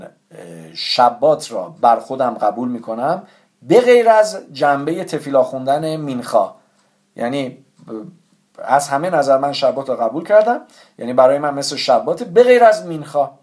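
A man's voice: a little high, a little mellow. Man teaching a careful religious lesson. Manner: careful, explanatory, stresses correct pronunciation.

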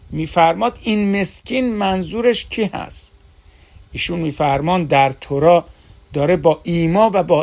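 A man delivering an earnest sermon as a religious teacher, retelling stories and speaking directly to his listeners. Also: sits high. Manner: earnest storytelling, addresses listeners as dear friends.

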